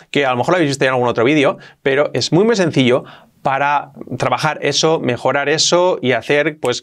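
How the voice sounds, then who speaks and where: A man with a Spain Spanish accent teaching English in a video lesson. He talks in a lively way and drills words over and over. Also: fairly high pitch.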